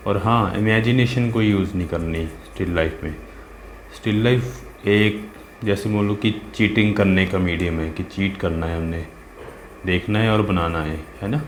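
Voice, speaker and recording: Art teacher, male, low voice, patient casual tutorial tone, echoey room. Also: measured pace, a little hiss or hum. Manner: patient, talks while working, asks "है ना?" and "ठीक है?" often. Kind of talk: casual step-by-step drawing tutorial. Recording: roomy with faint ambience.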